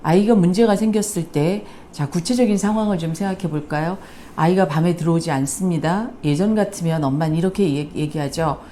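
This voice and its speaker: A woman's voice: on the low side, fairly quick, hardly any pauses, warm tone, slight background noise. A woman counselor giving parenting advice as a lecture, asking the listener rhetorical questions and acting out what parents say. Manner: acts out parents' lines in quotes.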